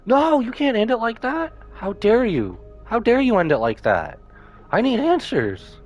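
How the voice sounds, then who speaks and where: A game streamer reacts live to a story, chatting casually, reading some dialogue aloud and bursting into dramatic exclamations over video game music. The medium-pitched voice swings widely in pitch at a measured pace, with a darkish tone on a muffled recording.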